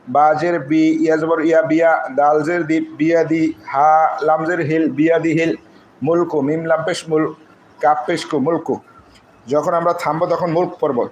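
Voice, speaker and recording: A man teaching recitation in a fairly high, level voice that hardly rises or falls. He spells each syllable slowly and draws out the vowels as he recites the verse phrases. A faint hiss sits under the recording. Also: poor audio. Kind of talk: spelling out and reciting Arabic letter by letter in a live class.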